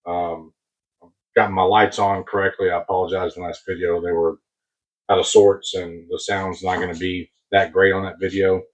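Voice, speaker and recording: An American man rambling casually as he hosts a hobby unboxing video, husky, on a close mic that sounds boomy and muffled, like inside a submarine. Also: flat delivery, moderate pace. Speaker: host of a diecast car collecting channel. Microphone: new mic placed very close.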